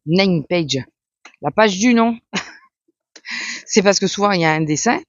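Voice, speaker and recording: A woman's voice: mid-range voice, unhurried, no echo. Woman vlogger, casual rambling chat, muffled dry home recording. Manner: rambling, chatty, many fillers. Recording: dull lo-fi sound.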